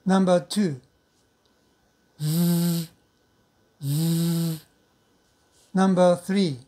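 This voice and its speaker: A woman teaching English pronunciation in Japanese, speaking slowly and patiently with many fillers and drawn-out model sounds. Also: lowish voice, mellow. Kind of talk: recorded pronunciation lesson.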